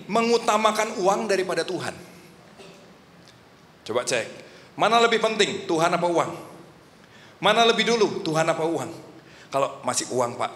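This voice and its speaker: Male Indonesian pastor, animated sermon with questions to the congregation, fairly high voice, recorded with long church-hall reverb. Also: a little hiss or hum. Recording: echoey hall reverb, faint ambience.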